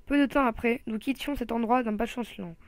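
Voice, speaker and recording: Woman, storybook read-aloud, lively, fairly high voice, dry recording. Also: a little fast, no room sound. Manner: lively first-person storytelling. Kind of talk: reading a children's novel aloud.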